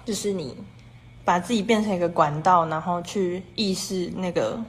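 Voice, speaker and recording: Rambling woman livestream host, slightly low voice. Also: moderate pace. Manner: rambling and repetitive, strings clauses with "and then"; chats with viewers reading their comments. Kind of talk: casual livestream chat.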